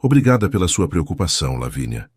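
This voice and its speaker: Low-voiced man reading a poised young woman, calm and firm, husky tone. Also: moderate pace, no echo, studio quality. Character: young woman student, composed and proud.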